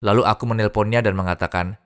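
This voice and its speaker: A man's voice: on the low side, steady tone, fast, smooth. A man earnestly telling his own conversion story in a dubbed first-person testimony.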